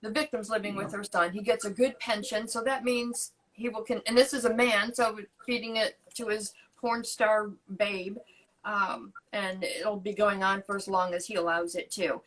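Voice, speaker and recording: A woman's voice: medium pitch, steady tone, normal speed, fairly bright tone, distant mic, low-quality recording. An American woman with a mid-range voice, co-hosting a casual live chat from a little back from the mic. She sounds earnest and sympathetic, and halts with fillers as she reads a message aloud. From United States. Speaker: co-host.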